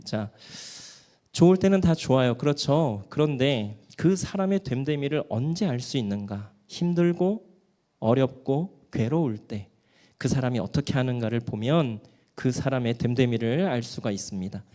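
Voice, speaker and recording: A man's voice: mid-range voice, expressive, moderate pace, dark tone. A man preaching a sermon in church, asking his congregation questions, answering them himself and briefly acting out quoted complainers. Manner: acts out quoted grumblers in short put-on voices. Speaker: pastor. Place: church sanctuary.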